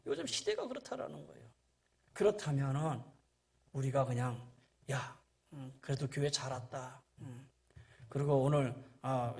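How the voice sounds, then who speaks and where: A man's voice: mid-range voice, darkish tone. A middle-aged man preaching a sermon in a church, telling stories and acting out the voices of the people in them. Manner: storytelling, acting out quoted voices, rising to emphatic peaks. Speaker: pastor. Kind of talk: sermon with anecdotes. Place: church sanctuary.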